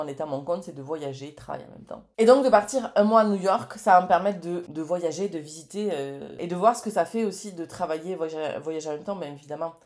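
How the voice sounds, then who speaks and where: A woman's voice: deep voice, darkish tone. Chatty, effusive woman in her late thirties. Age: late 30s. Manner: chatty and effusive, many hesitations. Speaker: entrepreneur and vlogger. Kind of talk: casual vlog chat to camera.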